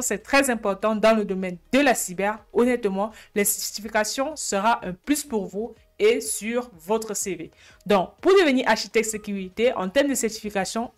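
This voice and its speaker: Woman host giving an informal explainer. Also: on the high side. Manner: asks questions then answers them herself. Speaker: YouTube channel host.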